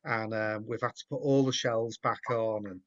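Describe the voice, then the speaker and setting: A man's voice: lowish voice, fairly even intonation, moderate pace, fairly bright tone. Host, man, rambling and encouraging, muffled video-call audio. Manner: rambling, encouraging, repeats words. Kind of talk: casual chat.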